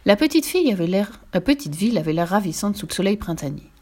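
A woman reads a children's story aloud with a lively, expressive delivery. Her pitch sits in an ordinary middle range. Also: quick pace. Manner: expressive, lively reading with sound effects. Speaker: narrator.

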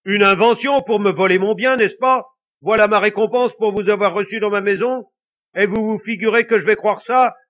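Guy doing a raging miser ghost, yelling way up high, dull lo-fi audio. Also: steady tone, a little slow, exaggerated voice. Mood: furious. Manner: shouting harshly. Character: miserly dead rich man's ghost, angry, gruff. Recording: dull lo-fi recording.

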